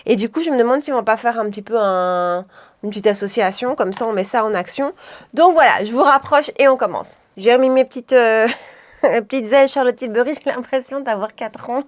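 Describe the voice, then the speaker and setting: A woman's voice: fairly high pitch, fairly quick. A woman chatting casually through a makeup tutorial, rambling and often correcting herself mid-sentence. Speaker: beauty vlogger.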